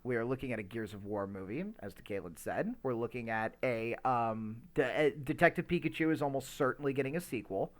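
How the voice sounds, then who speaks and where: A podcast co-host with a mid-range voice talks briskly with few pauses in a casual discussion. His speech is rambling and hesitant, packed with filler words.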